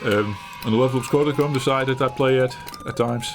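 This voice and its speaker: A middle-aged Dutch-speaking man hosts his retro gaming channel, offering reflective commentary as he plays. He talks haltingly in a mid-range voice, searching for words and laughing at himself, with music in the background.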